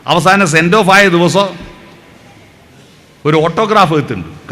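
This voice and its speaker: A middle-aged man giving a devotional speech, telling stories and breaking into song. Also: fairly high pitch. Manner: animated storyteller, breaks into song. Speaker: devotional speaker. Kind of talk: devotional speech with sung verses.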